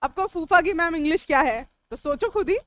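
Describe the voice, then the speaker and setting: An extremely high-pitched, expressive woman teacher with an Indian English accent lectures a class at a fairly quick pace, in a dry recording. She breaks each word into its parts, explains meanings step by step, and answers students as she goes.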